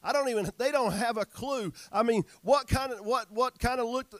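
High-voiced preaching pastor. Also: male voice, normal speed, a bit bright, no echo, low-quality recording. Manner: preaching, paraphrasing scripture with emphatic repetition. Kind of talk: sermon.

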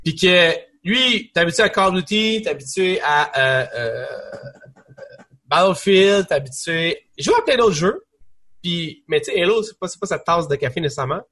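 A young man with a Quebec French accent, co-hosting a casual gaming chat, rambling and animated with many restarts. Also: high voice, normal speed. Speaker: podcast co-host.

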